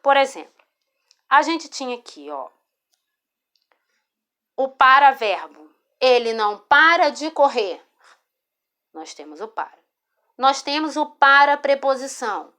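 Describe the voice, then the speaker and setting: A spelling lesson is explained over a screen recording by a Brazilian woman whose high-sitting, sharp voice swings widely in pitch. Recorded on a phone or screen recorder mic, she speaks with a Brazilian Portuguese accent, patiently and slowly, repeating words and checking with "tá?".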